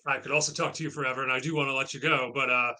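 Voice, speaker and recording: Bright-voiced chatty man guest. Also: medium pitch, fairly even intonation, very fast, poor audio. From central Pennsylvania. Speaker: guest, math content creator. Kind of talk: casual interview chat.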